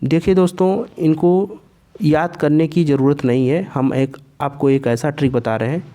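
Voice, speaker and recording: Slow and deliberate, a man explains a Sanskrit pronunciation lesson for learners, voicing each letter carefully and repeating each sound to demonstrate it. He speaks with a fairly high pitch, fairly even intonation and a dark tone.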